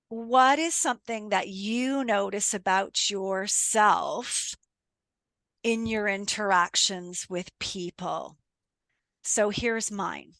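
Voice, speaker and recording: Slow, gravelly-voiced woman coach. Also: medium pitch, fairly bright tone, no echo. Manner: reflective, rhetorical questions, retells client stories. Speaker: communication coach. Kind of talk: podcast talk with listeners.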